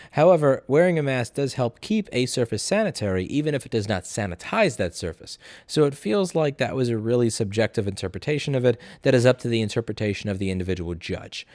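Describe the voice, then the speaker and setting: A man's voice: medium pitch, a little mellow, no echo, clean studio sound. A drunk man hosting a casual livestream Q&A, reading out viewer messages and answering them in a blunt, profane, argumentative way. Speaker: livestream host.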